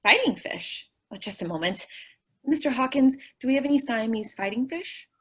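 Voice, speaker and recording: In an old-time radio comedy, a woman plays a sweet, scatterbrained young shop clerk, cheerful and naive. Her husky, fairly high voice is expressive at a moderate pace, and she delivers her lines earnestly, guilelessly, and very literally.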